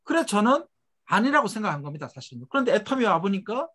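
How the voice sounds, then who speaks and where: A middle-aged man giving a motivational seminar lecture for a network marketing business, talking emphatically with rhetorical questions and letting tag phrases trail off low and quiet. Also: sing-song, fast talker.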